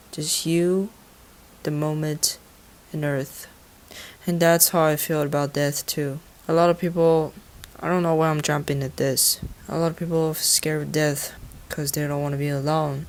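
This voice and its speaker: Low-voiced earnest young woman from Taiwan. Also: darkish tone. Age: 20s. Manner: earnest, musing, sometimes swearing. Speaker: vlogger. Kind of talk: reflective personal monologue.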